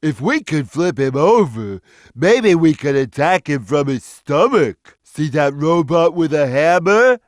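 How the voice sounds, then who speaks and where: Game role: big gentle simple cat, earnest, swinging widely in pitch, dry close recording. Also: male voice, sing-song, dry recording. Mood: easygoing, earnest. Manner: slow, simple, earnest delivery. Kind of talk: video game character lines.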